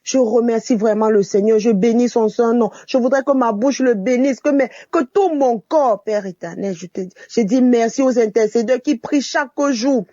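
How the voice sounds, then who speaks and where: A woman's voice: a little high, moderate pace, hardly any pauses, mellow, no echo, muffled recording. A woman from Cameroon giving a fervent religious testimony in a recorded voice message, repeating her thanks.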